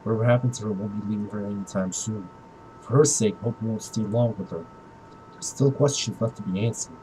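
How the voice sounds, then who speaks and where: A man narrating in first person as a tired young man, quiet, reflective and measured. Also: fairly low pitch, a little hiss or hum, natural voice, poor audio.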